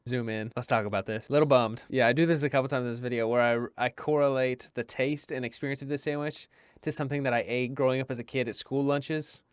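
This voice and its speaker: Young male food reviewer, fast and chatty, self-mocking, clean dry voice-over. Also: mid-range voice, clear, resonant tone, dry recording. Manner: self-deprecating, chatty, rambling with restarts. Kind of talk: casual voice-over commentary.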